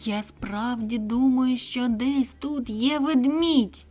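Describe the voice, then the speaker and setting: A woman puts on a little storybook fox girl for a bedtime tale. She sounds raised and bright in pitch, earnest, pleading with her friends, and speaks slowly. Soft music plays faintly behind her. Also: steady tone. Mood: urgent. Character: small quiet young female fox, gentle but worried.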